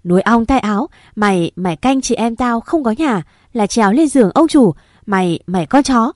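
A woman's voice: a little high, expressive, moderate pace, darkish tone, dry recording, studio quality, lightly acted. A woman voicing a spiteful, hot-tempered woman of the house who curses angrily, in a storybook reading. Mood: angry. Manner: angry, cursing.

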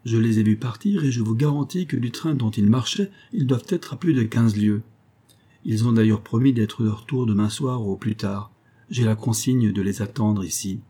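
A man reading the part of a weathered older boatman and former convict, low-voiced, humble and eager to serve. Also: normal speed, warm tone, slightly rough. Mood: earnest.

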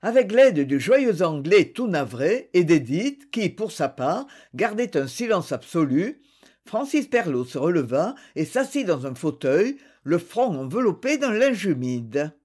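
A man's voice: high voice, sing-song, measured pace, darkish tone. A man reading a detective novel aloud as scripted narration, voicing the dialogue with animation. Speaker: audiobook reader.

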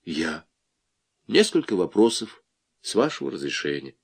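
A man's voice: sits low, very animated, vocal fry, breathy edge, full character voice. A man doing a coolly polite young detective. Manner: very polite, measured.

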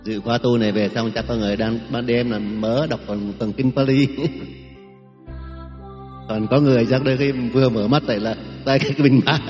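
A man's voice: mid-range voice, fairly even intonation, a little fast, a little mellow. A man giving informal dharma teaching on chanting at a retreat, chatty and repeating words as he searches for them. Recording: echoey hall, dull lo-fi sound, faint music.

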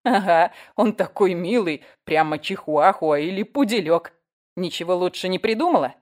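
Woman narrator voices a sharp-tongued, teasing woman editor; audiobook, low-ish pitch. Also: lively intonation, moderate pace, close to an everyday voice. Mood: mocking. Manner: sarcastic, giggling, teasing. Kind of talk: audiobook reading.

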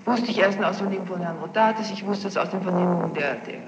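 A woman testifying in a large, reverberant courtroom speaks quickly in a medium-pitched voice, defensive and exact about her phrasing. The archival tape is muffled, noisy and echoey, with crowd noise audible.

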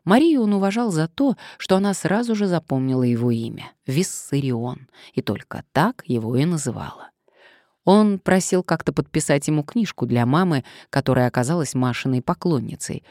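Woman narrator, audiobook, low voice, lively pitch, dry close sound. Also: normal speed, dry recording. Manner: expressive, lively reading.

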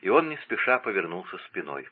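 A man narrating a classic novel as an audiobook with an expressive, dramatic reading. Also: low-pitched, a little fast, slightly rough, phone-quality sound.

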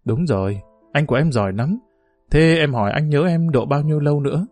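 A man's voice: fairly high pitch, fairly quick, darkish tone, no echo, faint music behind, natural voice. A man reading the part of a passionate young village woman, pleading and intimate in a story.

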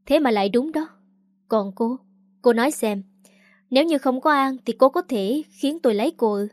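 A woman's voice: high-pitched, normal speed, no echo, studio quality, close to an everyday voice. A woman reading aloud the lines of a cold, contemptuous young man in a storybook narration. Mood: scornful. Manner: contemptuous, cutting.

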